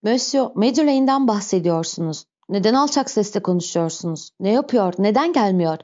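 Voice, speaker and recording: A woman's voice: mid-range voice, expressive, moderate pace, darkish tone, lightly acted. A woman voicing a sick, feverish young mother pleading for her child, in urgent outbursts, on a dull lo-fi recording.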